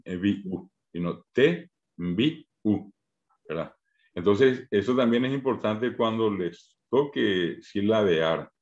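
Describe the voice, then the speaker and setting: A man's voice: sits low, darkish tone, lo-fi sound. A man with a Paraguayan Spanish accent teaching a Guarani class over a video call, patiently sounding out syllables one by one. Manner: patient, spells out syllables slowly. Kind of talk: online language lesson.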